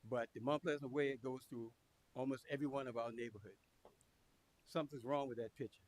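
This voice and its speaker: Over a faint hiss, a man with a mid-pitched voice delivers a public comment to a council. He speaks in measured, deliberate phrases as a community representative. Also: fairly even intonation. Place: town council meeting room. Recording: clear background hiss.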